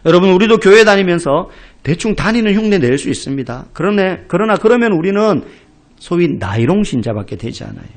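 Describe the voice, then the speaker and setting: A man's voice: high-pitched, a little fast. A middle-aged man from South Korea preaching a sermon as pastor, telling stories with acted-out quotes and emphatic exclamations. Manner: animated storytelling, acting out quoted voices; emphatic, rising to loud exclamations.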